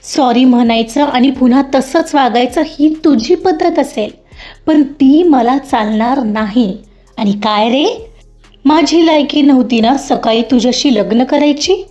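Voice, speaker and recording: A woman's voice: sits high, measured pace, dark tone. A woman voicing a proud young woman who scolds sharply, in a storybook reading. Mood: angry. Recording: dull lo-fi with faint music.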